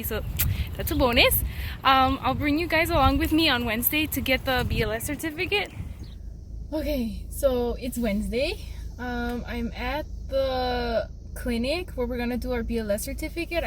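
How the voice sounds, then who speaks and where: A woman's voice: high-pitched, fairly bright tone, slight background noise. A woman dental hygiene student chatting casually to her viewers in a vlog, talking straight to the camera about her week. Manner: chatty, addresses viewers directly.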